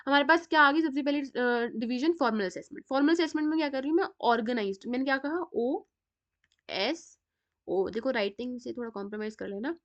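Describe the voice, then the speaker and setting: A North Indian woman teaches a psychology class in a chatty way and keeps asking her students rhetorical questions. Her voice sits high. The recording sounds a little dull and lo-fi. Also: fast, few pauses. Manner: chatty, switches between Hindi and English, asks rhetorical questions. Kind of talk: classroom lecture.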